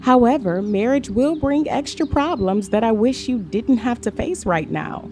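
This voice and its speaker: A woman giving a measured, steady scripted Bible reading. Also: fairly high pitch. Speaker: scripture reader. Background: faint background music.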